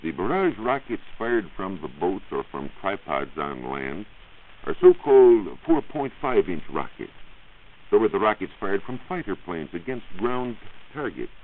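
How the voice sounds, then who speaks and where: An American man speaks as a science reporter in a scripted 1940s radio style, his low voice making big pitch swings at a slightly slow pace. The recording sounds tinny with light hiss, like 1940s radio.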